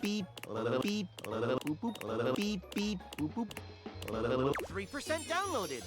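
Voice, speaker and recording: A woman's voice: mid-range voice, very animated, extremely slow, over music. A woman voicing a cheerful talking dishwasher robot in a game, speaking in a robot voice full of beeps and chirpy mechanical announcements. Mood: beeping robotic. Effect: robot voice with spoken beeps and boops. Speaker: game character.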